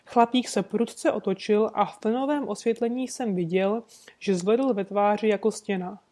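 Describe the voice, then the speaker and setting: A woman reading a classic detective story aloud as an audiobook narrator, with steady storytelling narration. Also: medium pitch.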